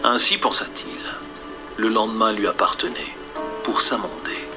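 A man narrating a storybook in a soft, hushed delivery that often drops to a near whisper. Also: lowish voice, fairly even intonation, normal speed. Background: music.

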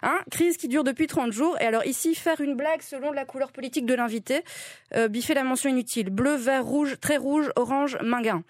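A woman giving a comic radio column in a studio, halting and full of fillers. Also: sits high, dry recording. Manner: hesitant, stammering, with many fillers. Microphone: studio microphone.

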